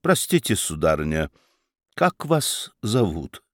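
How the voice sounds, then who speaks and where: A man voicing a sly, cheerful and ironic baron defending himself with calm logic in a dramatic story reading. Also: deep voice, slow, no room sound, clean studio sound, pitched below the performer's own voice, heavily acted.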